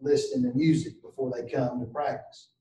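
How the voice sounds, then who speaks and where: A man on a video call talking in a measured, deliberate way. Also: mid-range voice, fairly even intonation, dark tone, far from the mic, a little hiss or hum. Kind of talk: board meeting discussion. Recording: roomy video call from off mic.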